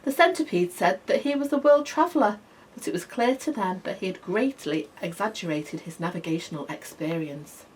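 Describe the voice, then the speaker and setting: A woman reading a children's story aloud in an expressive way, going soft and hushed at calm moments. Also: mid-range voice, normal speed, slight background noise. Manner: expressive, softening to near whisper at calm moments.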